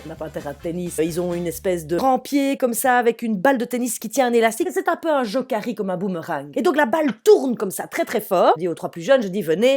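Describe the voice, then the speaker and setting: Chatty exasperated comic mom. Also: female voice, mid-range voice. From Belgium. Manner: chatty, exasperated, animated storytelling. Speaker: comedian. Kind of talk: comic monologue to an unseen therapist.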